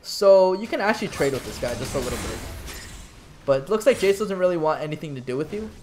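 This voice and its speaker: A man's voice: a little high, animated, fast, background noise. A man casually coaching a player through a game replay, talking in loose, restarting sentences. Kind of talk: casual gameplay analysis commentary.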